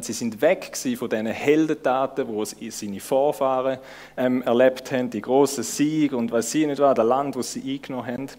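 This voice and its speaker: Casual Swiss German preacher. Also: male voice, medium pitch, darkish tone. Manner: informal and searching, with many fillers and restarts. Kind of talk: casual conversational sermon.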